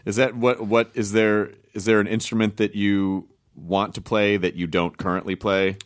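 A man from Memphis hosting a casual interview, animated and jokey, often acting out little quotes. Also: lowish voice, moderate pace. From Memphis, Tennessee. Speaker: host.

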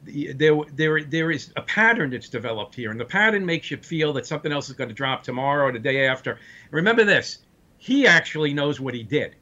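A man with a distinct Brooklyn accent speaks in a somewhat high register. He is a blunt, straight-shooting political guest, and his audio is slightly dull and lo-fi. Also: animated, fairly quick, pushed and bright. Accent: Brooklyn, New York. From Brooklyn, New York. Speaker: political party chairman, interview guest. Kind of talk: political commentary in a broadcast interview.

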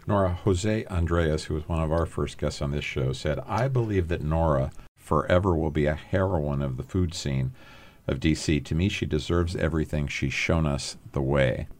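Man with a very deep voice hosting. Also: moderate pace, a little mellow. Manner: hesitant questioning with many uh fillers. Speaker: podcast host. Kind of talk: interview questions.

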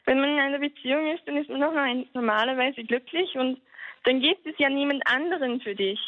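A woman's voice: high voice, fairly quick, narrow, tinny audio. A woman calling a radio show, firm and disapproving in her opinions. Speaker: caller.

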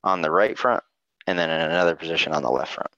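A very low-voiced man chats easily on a racing podcast. His audio comes through dull and lo-fi, sitting a little back from the microphone. The sound is dry. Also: fast, creaky, pushed and bright, no room sound. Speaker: crew analyst. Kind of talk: casual podcast chat.

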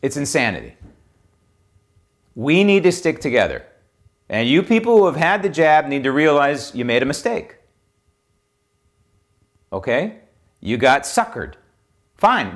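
An American man hosting a political talk show, addressing his audience in an emphatic, exhorting opinion style that repeats its points. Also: a little high.

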